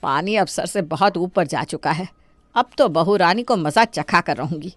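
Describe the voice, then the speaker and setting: A woman voicing a scheming older mother-in-law in an animated story, with theatrical wailing and complaining. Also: on the low side, normal speed, dry recording, soft background music. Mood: vengeful.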